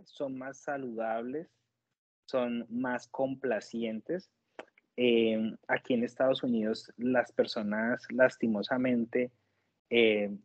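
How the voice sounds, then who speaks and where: A man from Colombia, giving a conversational testimonial and pausing to search for his words. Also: medium pitch, a little mellow, slightly rough, no room sound, highs cut off. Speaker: nurse working in the United States, interviewee.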